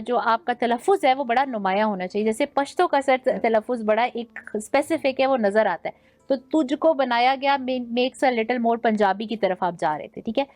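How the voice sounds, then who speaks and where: Judging a naat recitation contest, a woman offers blunt critiques and mixes English words into her Urdu. Her voice is on the high side, and the recording is dry.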